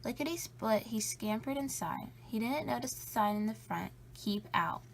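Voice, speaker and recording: A woman reading a children's story aloud in a playful, spooky way, with drawn-out emphasis and a creaky edge. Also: a little high, lively intonation, a little hiss or hum. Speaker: storybook reader.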